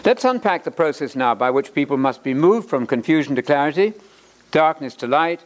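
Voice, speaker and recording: Animated man preaching with big swings. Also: fairly high pitch, fairly quick. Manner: animated and emphatic, with repeated words and joking asides. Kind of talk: lively preaching lecture.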